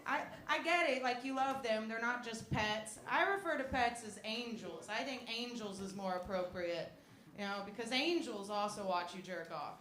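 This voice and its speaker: Deadpan young woman doing stand-up. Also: a little high, moderate pace. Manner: deadpan, self-mocking delivery. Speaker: stand-up comedian. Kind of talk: stand-up comedy set. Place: comedy club stage with audience. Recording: echoey room with audience noise.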